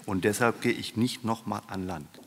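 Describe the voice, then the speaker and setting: A timid male carp, put on by a man, nervous and hurried in a storybook. The voice jumps above the reader's low tone, with a long hall reverb around it. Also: gravelly, husky.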